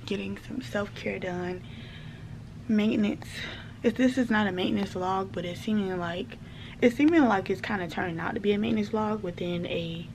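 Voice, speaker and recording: A woman's voice: medium pitch, a little hiss or hum. A young woman, chatting casually to her vlog viewers, rambling and calling them y'all. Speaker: vlogger. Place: at home.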